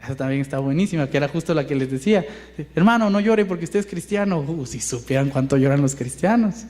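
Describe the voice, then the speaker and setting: A male Mexican pastor with a Mexican accent delivers a sermon in a notably high voice. He talks conversationally, asking the congregation rhetorical questions and acting out the voices he quotes. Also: lively intonation, fast talker, darkish tone.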